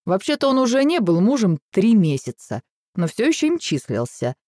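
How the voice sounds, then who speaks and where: Expressive woman reading a wry story. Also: medium pitch, moderate pace, dry recording, clean studio sound. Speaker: narrator. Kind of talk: first-person audiobook narration.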